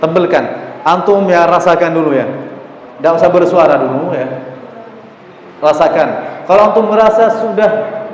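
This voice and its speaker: Coaxing Quran teacher in an echoey mosque. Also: male voice, a little high, moderate pace, pauses often, a little hiss or hum. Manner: patient, coaxing, demonstrates sounds himself. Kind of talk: hands-on pronunciation drill. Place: mosque hall. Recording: echoey mosque hall, faint ambience.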